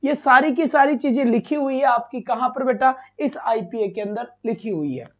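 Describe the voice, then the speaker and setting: A man's voice: very high-pitched, normal speed, a bit bright, muffled recording. A man teaching a live online exam-prep lesson, asking his students questions, repeating each one and fondly calling them "beta".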